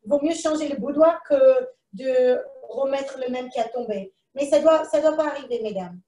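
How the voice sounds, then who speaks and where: High-voiced woman chatting through a cooking demo. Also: moderate pace, warm tone, reverberant, recorded from a distance, slight background noise. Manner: chatty, talks to herself while cooking; speaks French with a foreign accent. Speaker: cooking show presenter. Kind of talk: live online cooking demonstration. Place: kitchen, indoors.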